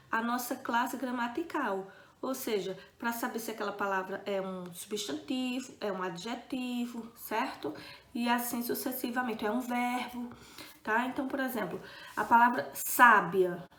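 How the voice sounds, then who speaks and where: High-voiced teacher in a roomy space. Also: female voice, fairly bright tone. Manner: patient, checks in often with students. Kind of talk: recorded video lesson.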